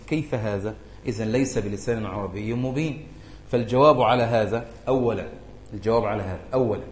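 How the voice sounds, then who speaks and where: Man teaching, echoey room. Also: a little high. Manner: keeps asking if students follow, rises emphatically. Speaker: religious teacher. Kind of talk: classroom religious lesson. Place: lecture room with students.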